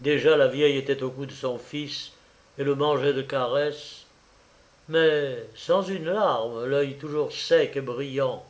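A man narrating a story as an audiobook in a measured way. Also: medium pitch. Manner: slow, measured reading.

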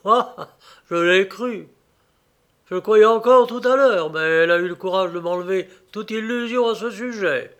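A man's voice: sits high, fairly quick, few pauses, a bit bright, pitched above the performer's own voice. A man playing a bitter, heartbroken young village man who speaks with plaintive anguish in a read-aloud story.

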